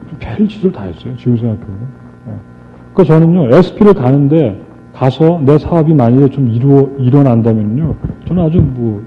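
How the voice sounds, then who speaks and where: A middle-aged man giving an animated storytelling speech to a live audience, joking with the crowd and acting out conversations. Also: medium pitch. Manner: animated, re-enacts dialogue and jokes with the crowd. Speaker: motivational speaker. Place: stage before a live audience. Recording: tinny lo-fi archive recording with faint music.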